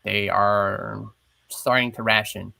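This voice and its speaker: A man in casual chat who is short of breath, telling his story in a rambling, animated way. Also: lowish voice, slow pace, vocal fry. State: short of breath while ill. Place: home, in bed.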